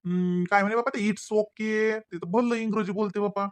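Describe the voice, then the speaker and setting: A man's voice: high-pitched, fairly even intonation, moderate pace, smooth, natural voice. Man voicing a mild, placating village husband. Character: easygoing village husband, penny-pinching farmer.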